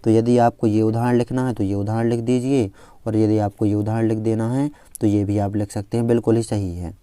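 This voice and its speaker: A man teaching an exam-prep Hindi grammar lesson, explaining step by step and repeating the key definitions, slowing down to recite verse examples. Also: on the low side, mellow, no room sound.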